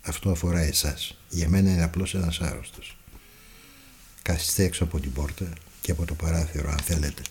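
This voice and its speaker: A man voicing a kindly, fatherly male doctor who speaks in a soft, reassuring way. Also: extremely low pitch, fairly even intonation, a little hiss or hum. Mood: firm.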